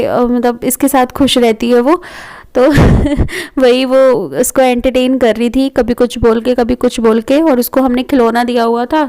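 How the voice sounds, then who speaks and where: A woman's voice: sits high, a little mellow, clear, resonant tone. A woman in her thirties, a mother of two, chatting casually as she narrates her day at home in a vlog, with frequent fillers. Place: home, indoors.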